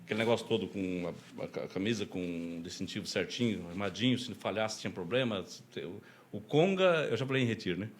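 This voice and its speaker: A man's voice: on the low side, lively intonation, a little fast. Chatty Brazilian man telling stories. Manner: chatty, laughs often, many "né?" tags. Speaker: podcast guest, deacon. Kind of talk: casual interview storytelling.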